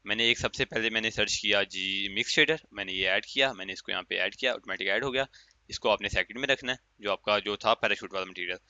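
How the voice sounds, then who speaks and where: A man teaching a software tutorial in a chatty, step-by-step way, with an Urdu-inflected accent and many fillers. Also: on the low side, quick pace, dry recording. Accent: Urdu-inflected Hindustani. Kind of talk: casual screen-recorded tutorial. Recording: dry, muffled lo-fi mic.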